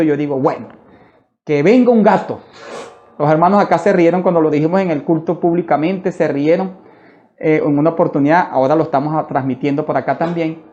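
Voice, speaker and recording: A man preaching in church, telling his testimony with fervent, emphatic phrasing and frequent calls to the brethren. His voice is warm and mellow. The recording sounds dull and muffled. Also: fairly high pitch. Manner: fervent, repeats "hermano", slow emphatic phrases. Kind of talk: sermon testimony.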